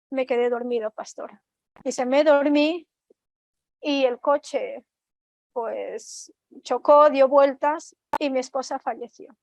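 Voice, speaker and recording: A woman's voice: high voice, no room sound. A woman preacher telling a story in a sermon, retelling dialogue with frequent "he says" and fillers.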